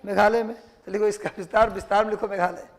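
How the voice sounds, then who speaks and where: A man teaching a lecture class with a Bihari Hindi accent, firing questions at students and repeating the answers slowly for dictation. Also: sits high, level tone.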